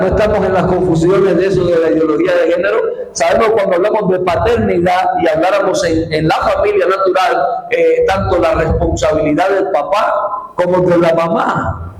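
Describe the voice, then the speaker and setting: A man preaching a sermon, calling for responses and shouting emphatic lines. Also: high voice. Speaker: pastor. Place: church hall. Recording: echoey church sound.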